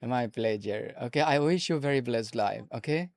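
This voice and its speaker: A man's voice: medium pitch, moderate pace, no room sound. A man with a Bangladeshi accent hosts a casual, joking video chat with a stranger. His tone is teasing, and he often repeats himself. The sound is dry and close, with no room in it. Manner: teasing, playful, with repeated phrases and laughs. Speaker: host.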